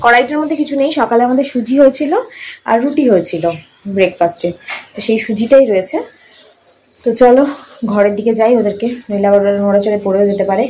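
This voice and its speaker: A young woman chatting casually through a home vlog, talking softly so sleeping babies stay asleep. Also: a little high, fast, slight background noise, rough recording. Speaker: vlogger. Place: home, indoors.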